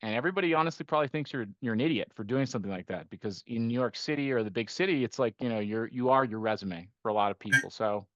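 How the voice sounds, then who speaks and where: Speaking at a quick pace with hardly any pauses, a middle-aged man who grew up in Costa Rica talks through his investment work as a guest in a conversational podcast interview; he's a managing partner at an investment firm. He restarts often and tacks on a rhetorical "right?" His medium-pitched voice is fairly bright, with no room sound, in a muffled recording.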